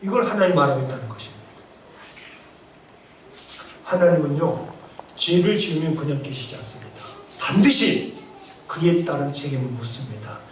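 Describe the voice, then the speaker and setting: Animated man preaching in an echoey hall. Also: on the high side, moderate pace, pauses often, slight background noise. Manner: animated preaching with rhetorical questions and acted-out outbursts. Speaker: pastor. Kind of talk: sermon. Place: church sanctuary. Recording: echoey church hall from far off.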